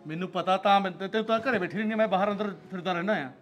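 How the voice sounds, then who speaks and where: An actor playing a stern village father who is strict about his daughter's honor and speaks gruffly in a Punjabi accent. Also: sits high, very fast, faint music behind, natural voice. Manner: gruff, commanding, softens to pleading. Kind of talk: village drama acting.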